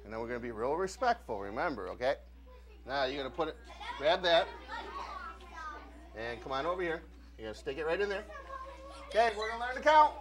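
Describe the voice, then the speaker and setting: A man's voice: fairly high pitch, a little fast, pauses often. Playful man hosting a kids' show. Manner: lively, playful, leads kids in call-outs. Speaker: children's TV show host. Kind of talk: energetic audience hosting for kids. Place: TV studio stage with a child audience. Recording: noisy studio with crowd of kids.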